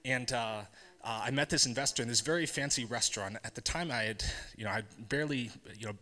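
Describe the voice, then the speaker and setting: Bright-voiced man speaking in a hall. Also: mid-range voice. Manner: earnest, halting with many fillers and restarts. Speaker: conference speaker. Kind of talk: live presentation to an audience. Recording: hall reverb.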